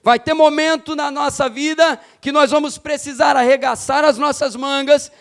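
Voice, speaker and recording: A man preaching an impassioned evening church sermon, rising to shouts and slowing down for emphasis. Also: extremely high pitch, steady tone. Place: church sanctuary.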